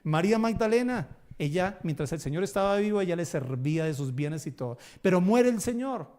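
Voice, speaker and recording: A man's voice: high-pitched, expressive, a little fast, darkish tone. A man pastor preaching a sermon, telling stories with acted dialogue and emphatic bursts.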